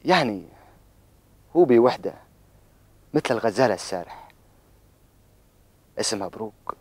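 A man's voice: lowish voice, animated, normal speed, darkish tone, husky, no echo. An actor in his thirties playing a lovestruck, troubled Bedouin man in a television drama, hesitant, with a Bedouin Arabic accent. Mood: tender, longing.

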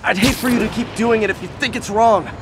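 High-voiced young superhero played by a man. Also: brisk, noisy background, lightly acted. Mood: earnest, supportive. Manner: quippy, earnest. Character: young wisecracking superhero, caring and earnest. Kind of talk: dramatic game voice acting.

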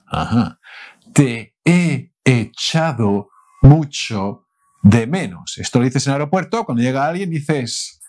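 A man's voice: medium pitch, animated, slow pace, a little mellow. A man from Spain with a Spanish accent, teaching Spanish phrases in a playful, casual way and switching between Spanish and English. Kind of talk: casual language lesson.

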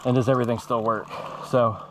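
A middle-aged man talks bluntly to his viewers, swearing freely as he stands waist-deep in a river. His voice is picked up by an action camera on the boat, and clear splashing water and wind run under it. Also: little pitch movement, fast. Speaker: fishing vlogger. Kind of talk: casual outdoor vlog. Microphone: action camera mounted on the kayak. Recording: outdoor camera audio with water noise.

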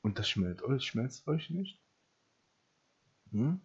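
A man preaching emphatically to Christians, often asking "ja?" and repeating phrases, his loudness swinging widely. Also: medium pitch, big pitch swings, slow, breathy edge. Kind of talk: impassioned preaching to camera. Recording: dull lo-fi recording.

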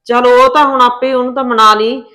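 An actress playing a calm, motherly aunt with a Punjabi accent, giving advice. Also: a little high, brisk. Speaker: older aunt in a family drama. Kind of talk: Punjabi short film acting.

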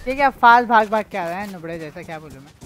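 A man's voice: sits high, animated, racing. Man, game streamer, urgent callouts, light background hiss. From Mumbai, India. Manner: shouts urgent callouts, exasperated. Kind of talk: live gameplay chat with teammates.

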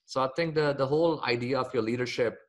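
Fast-talking and mid-range in pitch, a middle-aged company founder with an Indian accent, from India, responds to interview questions via video call. His delivery is hesitant, packed with fillers and restarts, and the setting is a bookshelf-lined home office with a window behind.

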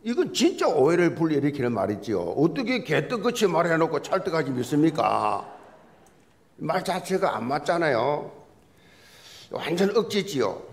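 A man's voice: fairly high pitch, big pitch swings, moderate pace, creaky. A man preaching a Sunday sermon in a church, a pastor with a folksy, joking storytelling manner. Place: church sanctuary.

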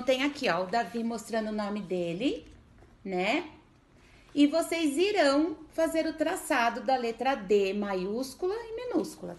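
A woman with a Brazilian Portuguese accent teaching a remote literacy lesson to first graders, speaking slowly and patiently, sounding out syllables and checking in with the children often. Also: high-pitched. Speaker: primary school teacher.

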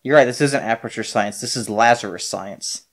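A man casually commentating his own shooter playthrough, animated and swearing, cracking jokes. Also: medium pitch, normal speed. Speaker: gamer playing through a shooter.

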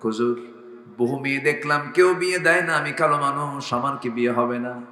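A man preaching a sermon, acting out dialogue and rising into impassioned shouts. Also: mid-range voice, normal speed. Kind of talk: Bengali waz sermon. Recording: echoey hall with long reverb.

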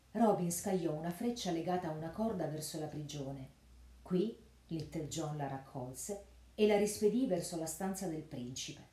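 A woman, an actress, narrating a fairy tale in an expressive, lively storybook style. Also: fairly low pitch. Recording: roomy echo.

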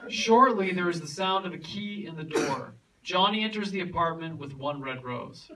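A man's voice: high-pitched, animated, moderate pace, a crowd in the background. A man reading stage directions aloud at a live script reading, amused as he goes, recorded on a phone from far back in a noisy hall. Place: cinema hall with audience.

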